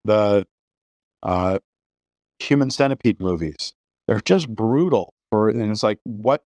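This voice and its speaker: A man's voice: fairly low pitch, expressive, slow pace, darkish tone, dry recording. A middle-aged man hosting a podcast, talking opinionatedly about films with many restarts. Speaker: podcast host. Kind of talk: casual film discussion.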